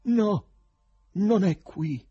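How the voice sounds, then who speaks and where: A man voicing a frantic young male poet who shouts and raves, with a husky voice. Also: low voice, moderate pace, muffled recording, full character voice. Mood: frantic shouting. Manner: shouting, agitated.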